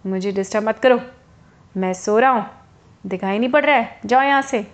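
A woman voicing a stubborn, grumpy male rabbit in a children's storybook tale, gruff and dismissive. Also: on the high side, moderate pace, background noise, close to an everyday voice. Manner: gruff, dismissive, lazy drawl.

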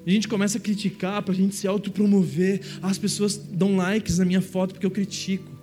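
A man from Brazil preaching a sermon as pastor, conversational and animated, with lots of playful mimicry. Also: high voice, a little fast, faint music behind. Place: church stage.

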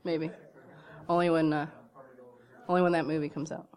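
A woman arguing as a contestant in a casual comic debate, halting and trailing off. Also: deep voice, flat delivery, over a noisy crowd.

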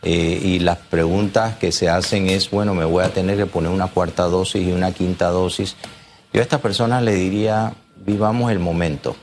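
A man's voice: low-pitched, fairly even intonation, moderate pace, darkish tone, slight background noise. A man speaking as a doctor in an interview, explaining emphatically and repeating key phrases.

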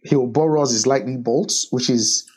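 Husky man recapping a film casually. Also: mid-range voice. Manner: halting, many restarts and ums, animated when joking. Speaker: podcast co-host recapping a film. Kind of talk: casual movie discussion.

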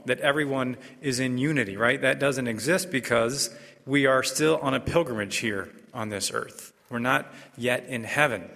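A man serving as a priest, reading the gospel and preaching a homily in a measured, unhurried way with the odd filler and restart, heard in the long reverb of a large church. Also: medium pitch, gravelly, sharp tone.

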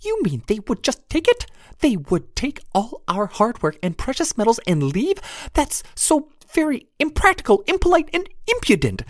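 A man's voice: huge pitch swings, moderate pace, no room sound, clean studio sound, full character voice. A man voicing a tiny, fussy female pixie shopkeeper who talks in stiff, formal words. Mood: indignant. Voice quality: very high and squeaky. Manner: fussy, overly formal wording.

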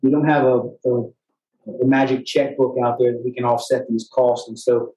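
A man giving an off-the-cuff presentation in front of an audience as a utility executive, halting and often repeating words as he goes. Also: medium pitch, little pitch movement, mellow. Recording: echoey room with faint background noise.

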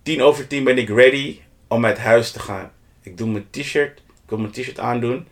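Speaking at normal speed with a medium-pitched voice, this Dutch podcast co-host spins animated stories in a casual conversation. He's slangy, sprinkling in English phrases and imitated sound effects.

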